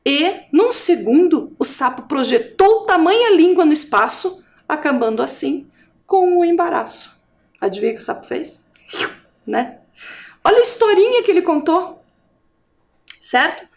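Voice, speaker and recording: A Brazilian woman teaches a recorded lesson in a high, very animated voice that swoops up and down. She takes her time, drawing out example words in a sing-song way, and checks in with her students often. The overall effect is a patient, expressive classroom delivery. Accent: Brazilian Portuguese. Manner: sing-song, drawn-out words when modeling rhymes; checks in with "certo?" and "ok?".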